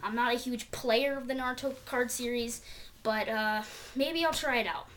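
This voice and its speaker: A woman's voice: on the high side, normal speed, fairly bright tone, slight background noise. A young woman chatting casually in a home vlog, rambling with lots of fillers, recorded on a camera mic. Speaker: vlogger.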